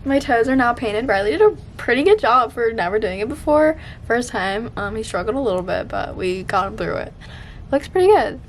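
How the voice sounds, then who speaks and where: A young woman in her twenties chatting casually and quietly while getting ready in her bathroom, filmed on a camera. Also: on the high side, a little hiss or hum. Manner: chatty, giggly, talking quietly. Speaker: vlogger. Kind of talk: casual get-ready-with-me vlog. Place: home bathroom at the mirror. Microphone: camera on a tripod. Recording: background music over the voice. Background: pop music playing.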